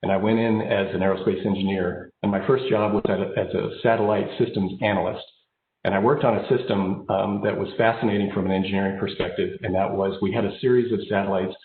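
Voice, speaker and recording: Speaking fast in a fairly low, steady voice with a little hiss or hum, this man delivers a casual, personal keynote from a remote location. He's an American engineering executive in his fifties with a slight head cold, born in Japan and raised abroad before moving to the United States. The recording has a narrow, phone-like band and a roomy echo.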